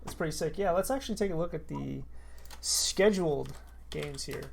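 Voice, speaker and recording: A man's voice: on the high side, moderate pace, creaky, a little hiss or hum. A man hosting a casual live-stream show, loose and joking, swearing freely.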